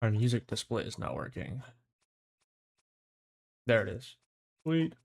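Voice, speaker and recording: A man's voice: fairly low pitch, big pitch swings, unhurried, creaky, darkish tone, husky, no room sound. A man livestreaming in casual, slangy, laid-back chat, his mouth numb from the dentist. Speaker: livestream host.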